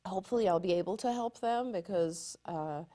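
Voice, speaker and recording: A middle-aged woman from Iran, hosting a live show and chatting casually in an upbeat, rambling way with quick restarts. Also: fairly low pitch, dark tone. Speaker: psychologist and show host. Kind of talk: casual live-stream chat.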